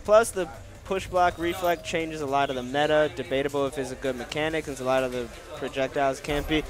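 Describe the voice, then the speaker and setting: A man gives casual stream commentary at a fighting game event, reading out viewer questions and answering them. He has a nasal voice that he tries to hold lower than usual, and he talks fairly quickly in a steady tone.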